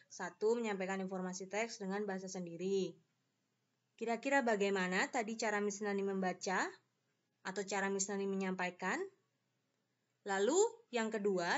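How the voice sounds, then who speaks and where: A woman teacher, patiently explaining a lesson to children step by step. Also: a little high. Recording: slightly dull lo-fi audio.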